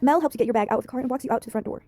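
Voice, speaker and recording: A woman's voice: fairly high pitch, racing, mellow, no echo. A woman reading an interactive story game aloud with giggly, chatty asides.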